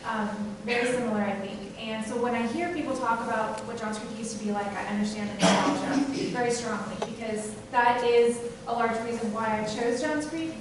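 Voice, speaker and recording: Woman candidate from Tennessee, fairly high voice, fluent stump speech, roomy far-off recording. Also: fairly even intonation, normal speed, few pauses. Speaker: city council candidate. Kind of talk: campaign speech. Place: meeting room. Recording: echoey room from far off, noisy.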